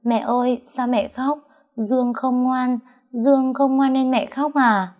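A woman's voice: fairly even intonation, darkish tone. A woman voicing an anxious, sweet little girl in a narrated story. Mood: pleading. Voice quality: high and childlike, slow.

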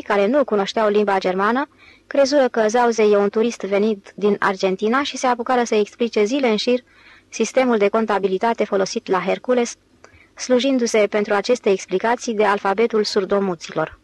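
A woman narrating an audiobook in a steady, even reading voice. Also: mid-range voice, poor audio. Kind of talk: scripted narration.

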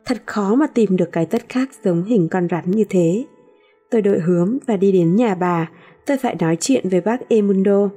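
A woman narrating a novel in the first person in a measured storytelling voice. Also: mid-range voice, warm tone, husky, faint music behind. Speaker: audiobook narrator.

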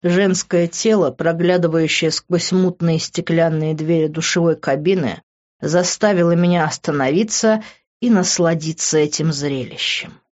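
Low-voiced woman narrating an audiobook. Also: fairly even intonation, darkish tone. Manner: measured storytelling. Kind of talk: first-person audiobook narration. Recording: dull lo-fi recording.

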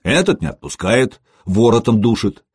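Man voicing a young warrior, matter-of-fact, lively, dry sound. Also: lowish voice, moderate pace, slightly rough, dry recording. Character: calm young warrior recounting events to his lord.

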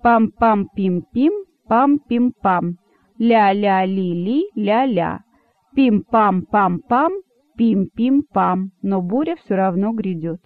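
Woman reader as a twitchy, over-explaining male poet; raised pitch, tinny and dry. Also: animated, moderate pace, no echo, natural voice. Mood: fussy. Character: fussy, embarrassed male court poet. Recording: dry tinny phone-like sound.

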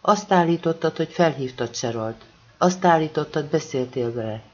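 A man's voice: on the high side, expressive. A man reading as a furious, shaking mother. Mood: bitter. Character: distraught young mother, angry and shaking. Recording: dull lo-fi audiobook recording.

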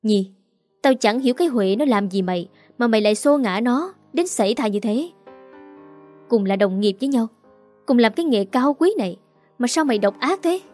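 Casting: woman playing a shrill, furious female teacher, scolding hard, warm dark voice, dry sound. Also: expressive, brisk, faint music behind. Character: angry female teacher colleague accusing narrator.

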